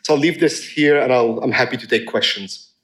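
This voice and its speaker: Animated man giving a lecture. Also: medium pitch, fairly quick. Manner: animated, full of "you know" fillers, wry humor. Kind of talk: academic conference talk. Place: lecture room before an audience.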